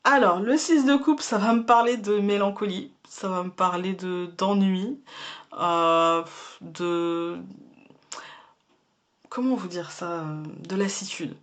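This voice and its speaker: A woman's voice: medium pitch, steady tone, slow pace. Hesitant, chatty woman reading tarot cards. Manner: hesitant, many fillers and repeated words; chatty and reassuring. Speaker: tarot card reader. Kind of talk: casual monthly tarot reading to camera.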